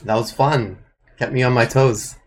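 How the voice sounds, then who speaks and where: A young man from Canada, a music producer answering interview questions in a relaxed way, thinking aloud with lots of fillers. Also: mid-range voice, normal speed, rough recording.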